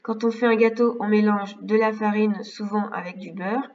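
A woman's voice: mid-range voice, little pitch movement, darkish tone. French schoolteacher woman, patient step-by-step correction, dull distant recording. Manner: slow, careful, explains step by step. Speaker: primary school teacher. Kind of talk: correcting exercises for young pupils. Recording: distant, slightly dull mic.

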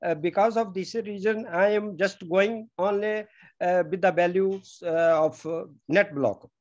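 A man with an Indian accent hesitantly putting a question in an online class, in a halting way. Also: high voice, fairly even intonation. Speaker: valuer asking a question. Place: online group video call. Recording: dull lo-fi video call audio.

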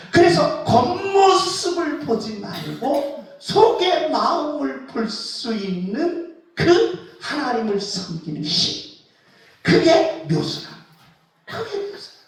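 A man's voice: very high voice, very animated, takes it slowly. A male pastor preaching a Sunday sermon. He asks rhetorical questions, repeats key words and uses blunt, folksy phrasing. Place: church sanctuary during Sunday worship. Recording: very echoey hall, distant mic.

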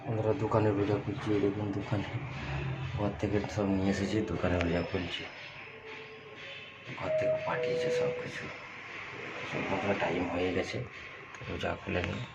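A man's voice: low-pitched, monotone, quick pace, creaky, heavy background noise. A man filming a casual family vlog at home, chatting to his viewers as friends while food cooks. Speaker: family vlogger. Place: home kitchen and a shop, indoors.

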